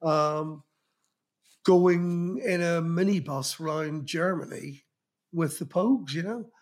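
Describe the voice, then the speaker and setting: His voice is a little high, slow and somewhat dark in tone. A fifties-aged Belfast man from Northern Ireland with a matching accent, he's a magazine journalist guesting in a reflective interview, recounting his entry into music journalism with rambling stories and many restarts.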